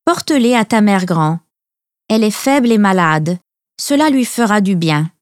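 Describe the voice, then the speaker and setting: A woman reader voices a caring storybook mother. She gives gentle, careful instructions at a middle pitch, with a dry, close sound. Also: expressive, moderate pace, dry recording, close to an everyday voice. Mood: instructing. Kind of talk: storybook reading.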